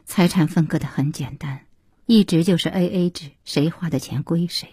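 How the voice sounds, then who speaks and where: A woman narrating an audiobook in a slow, soft and intimate way. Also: low-pitched, breathy edge, no room sound, studio quality.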